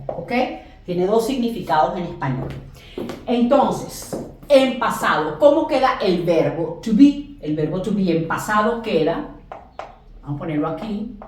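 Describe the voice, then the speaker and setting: A woman teacher works through grammar at a board, slowing down to stress each example phrase. Her voice rings around a very echoey classroom. She sounds set back from the microphone. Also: on the low side, darkish tone, far from the mic. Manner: slow, emphatic spelling-out of example phrases. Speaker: English teacher. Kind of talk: classroom lesson explaining grammar. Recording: very echoey room, voice off-mic.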